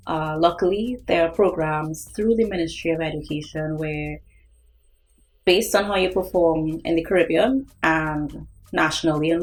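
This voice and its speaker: A woman's voice: on the low side, a little mellow, poor audio. A young woman from Trinidad and Tobago, an artist hosting her own vlog and speaking earnestly and directly to her viewers. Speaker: artist and channel host. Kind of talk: vlog talk to camera.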